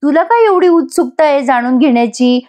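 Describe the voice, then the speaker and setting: A woman's voice: high-pitched, lively intonation, fairly quick, darkish tone, pitched above the performer's own voice. A woman voicing a teasing young wife who bickers with her husband and mother. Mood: bickering. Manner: bickering, sarcastic retorts.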